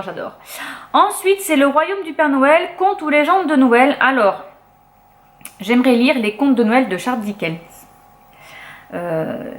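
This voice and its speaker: A chatty young woman with a fairly high voice talks through her reading list in French. She fills her speech with fillers, trails off and restarts, in a casual, homey way. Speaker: book vlogger. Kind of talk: casual chat.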